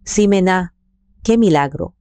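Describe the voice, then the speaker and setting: Woman reading a sharp, commanding female lawyer in a storybook; mellow, close and dry. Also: sits low, dry recording. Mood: brisk, firm. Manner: brisk and commanding. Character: sharp, direct woman lawyer and old friend. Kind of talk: scripted storybook narration.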